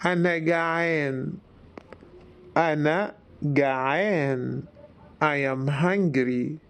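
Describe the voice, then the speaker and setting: A man with an Egyptian Arabic accent who teaches the language, repeating each phrase slowly in its male form. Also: a little high. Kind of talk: slow phrase drill for learners.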